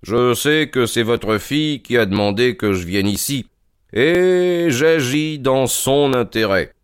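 A man voicing a calm, shrewd detective who speaks softly and gravely, in a slow, deliberate way. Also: medium pitch, no room sound, clean studio sound, pitched above the performer's own voice. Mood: grave, gentle. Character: calm shrewd male detective, middle-aged, gentle and grave.

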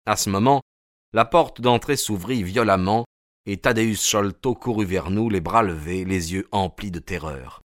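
A male narrator with a fairly low voice reads a classic detective tale in a measured, storytelling manner. The recording is close and dry. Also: no echo. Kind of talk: scripted audiobook narration.

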